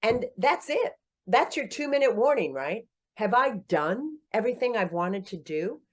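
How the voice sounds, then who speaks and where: She's in her sixties, a writer who also started a company, talking through her story on a casual podcast. Her manner is spirited and self-deprecating, full of laughter, with her pitch springing upward on jokes, all at a normal speed.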